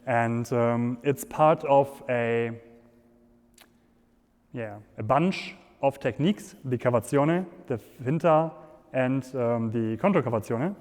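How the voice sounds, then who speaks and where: Slow-paced German-accented man in an echoing hall. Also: mid-range voice, darkish tone. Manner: halting non-native phrasing. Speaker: fencing instructor. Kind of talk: instructional demonstration, explaining step by step. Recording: echoey hall with long reverb.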